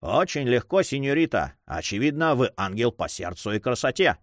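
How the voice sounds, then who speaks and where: A man's voice: medium pitch, very animated, normal speed, dry recording, clean studio sound, close to an everyday voice. A man playing a gallant, courteous young nobleman. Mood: earnest. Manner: courteous, earnest.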